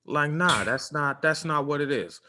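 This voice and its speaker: A man's voice: on the high side, expressive, normal speed, pushed and bright. A man co-hosting a podcast, giving relationship advice in casual chat with a preachy, earnest manner and lots of fillers. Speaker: podcast co-host.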